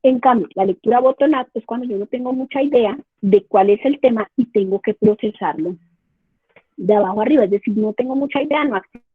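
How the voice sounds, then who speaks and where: A woman's voice: on the high side, brisk, breathy edge, dry recording. A woman professor with a Colombian accent giving an explanatory remote lecture to parents, asking herself rhetorical questions as she goes. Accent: Colombian Spanish. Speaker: university professor. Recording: tinny phone-like line.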